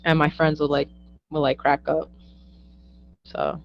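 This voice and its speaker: Lively young woman telling ghost stories. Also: sits low, a little slow, dull audio. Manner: animated, acts out quoted dialogue, laughs often. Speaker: guest, psychic medium. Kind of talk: casual storytelling interview.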